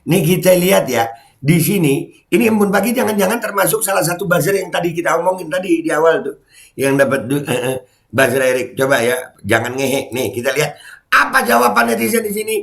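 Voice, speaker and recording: A middle-aged man, heated and mocking, ranting as a commentary YouTuber and shouting when angry. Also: a little high, a little fast, gravelly.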